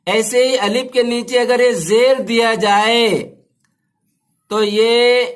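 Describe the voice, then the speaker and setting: A man teaches a language lesson at a slow, careful pace. He stretches out each sound and repeats every word so his students can follow. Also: very high-pitched, steady tone.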